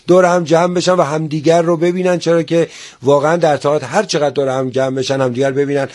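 A man's voice: on the high side, fairly even intonation, darkish tone. A man speaking as a guest on a studio interview, polite and formal, who often restarts his phrases. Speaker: guest, theater organizer.

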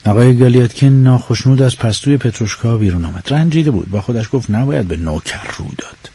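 A man narrates a novel as an audiobook in a husky, measured voice. He drops to a hush in the quiet scenes. The recording is close and dry, with no room sound. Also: medium pitch, dry recording.

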